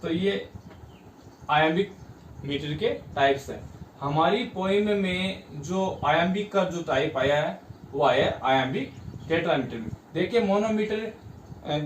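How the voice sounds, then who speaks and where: A high-voiced man from India teaches a lesson, pacing himself slowly and pressing hard on each stressed syllable. He sounds set back from the mic in an echoing room, with a faint hum of background noise. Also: distant mic. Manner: slow, spells out syllables with stress. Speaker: English teacher. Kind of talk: classroom lesson.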